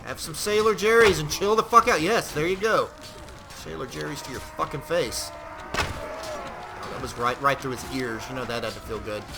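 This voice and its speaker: A man's voice: fairly high pitch, moderate pace, vocal fry. Profane man narrating gameplay, rambling. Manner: profane, rambling, bursts of shouting. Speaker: gameplay commentator. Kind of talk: casual gameplay commentary. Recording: loud game music behind the voice.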